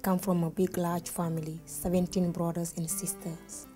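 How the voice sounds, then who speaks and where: Senegalese woman with a mellow voice. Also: on the low side, little pitch movement, moderate pace, soft background music. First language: Wolof or other Senegalese language. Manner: plain, simple sentences, non-native grammar. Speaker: guest. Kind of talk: casual interview.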